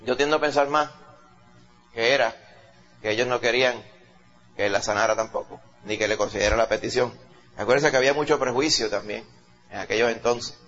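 A man's voice: mid-range voice, brisk, pauses often, fairly bright tone. A man preaching a sermon, telling the story dramatically and building up to emphatic peaks. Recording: dull lo-fi recording.

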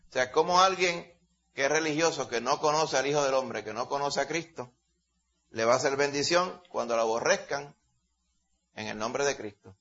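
A man's voice: mid-range voice, normal speed, fairly bright tone. A man preaching a Bible-teaching sermon in a conversational way, often calling listeners brother. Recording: dull lo-fi sound.

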